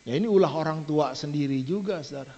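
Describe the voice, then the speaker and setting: A middle-aged pastor preaching with a high, lively voice that keeps turning to address his congregation. The sound is dull and lo-fi, like an online church service stream. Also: fast. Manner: lively preaching, often adds "saudara". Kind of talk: sermon.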